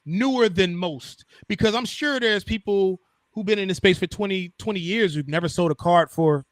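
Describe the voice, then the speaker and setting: Man, casual podcast chat, dry close sound, slightly high voice, restarts phrases. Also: normal speed, dry recording. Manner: animated, repeats words when starting a point. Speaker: podcast co-host. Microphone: laptop mic over a call.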